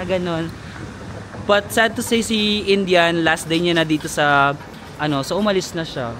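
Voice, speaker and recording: A man's voice: sits high, a bit bright. A Filipino man vlogging outdoors from a handheld phone, telling a playful, gossipy story and mixing in English. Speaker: travel vlogger. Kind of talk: casual vlog chat. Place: outdoors in a town in winter. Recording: faint street noise outdoors.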